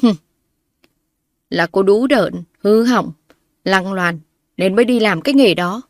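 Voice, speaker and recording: A woman narrator voicing a spiteful, scheming older mother-in-law who scolds and insults loudly. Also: mid-range voice, expressive, normal speed, no echo, studio quality, lightly acted. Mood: scornful.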